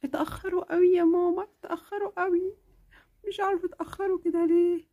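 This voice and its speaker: A woman voicing a sick, eager little girl in a children's cartoon, talking in a soft, whiny, pleading way with an Egyptian accent. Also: very high voice, little pitch movement, quick pace, lo-fi sound. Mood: impatient. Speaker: cartoon character.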